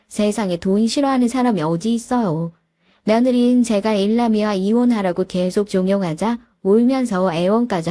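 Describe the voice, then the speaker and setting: A woman telling a scripted first-person family story in an even, confiding way. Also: medium pitch, dry recording, clean studio sound. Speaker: narrator.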